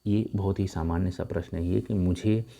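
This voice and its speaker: A man with a very dark, mellow voice walks through an exam paper. His voice sits somewhat low, and he reads each option slowly before moving on briskly to explain the correct answer. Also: steady tone, gravelly. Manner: addresses viewers as dear friends. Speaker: Hindi exam tutor.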